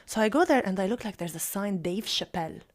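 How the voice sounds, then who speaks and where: A woman's voice: medium pitch, expressive, fast talker. A woman in her thirties from Lebanon, a comedian guest chatting casually on a podcast and explaining things at length. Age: 30s.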